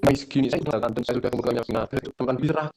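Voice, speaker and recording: A student in an online class speaks slowly and haltingly, repeating words, over a video call whose audio keeps cutting out. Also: medium pitch, vocal fry, a little mellow, a little hiss or hum. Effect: choppy, breaking-up video call audio.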